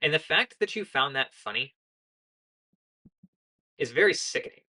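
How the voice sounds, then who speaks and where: Sitting low in pitch and moving at a moderate pace, a young adult American woman gives casual, monotone political commentary. She sounds earnest and lecturing, often catching and correcting herself in the middle of a sentence.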